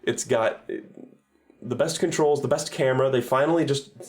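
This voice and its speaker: A man's voice: mid-range voice, moderate pace, darkish tone. Male streamer, mid-range voice, loose chatty review style, curses often and backtracks mid-thought. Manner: rambling, sweary, self-correcting. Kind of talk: casual stream commentary.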